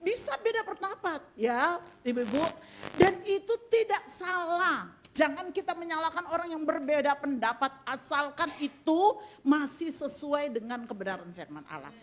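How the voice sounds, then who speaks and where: A woman preaches with a high-pitched voice. She talks in a chatty, animated way, speaking straight to the women in the congregation and breaking into laughing asides. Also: normal speed, a little hiss or hum. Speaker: pastor. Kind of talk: sermon.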